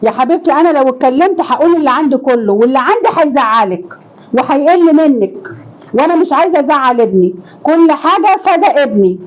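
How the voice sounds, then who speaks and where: Woman acting weary Egyptian mother-in-law, high voice, talks fast, plaintive sighs, dull lo-fi sound. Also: expressive. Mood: hurt, protesting. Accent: Egyptian Arabic. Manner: plaintive, sighing appeals to God. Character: weary older mother-in-law, long-suffering and pleading. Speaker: actor in a family sketch. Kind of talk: homemade family drama sketch.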